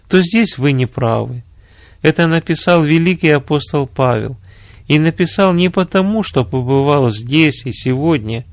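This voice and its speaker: A man's voice: a little high, no room sound, studio quality, natural voice. A man voicing an earnest male minister who explains scripture patiently.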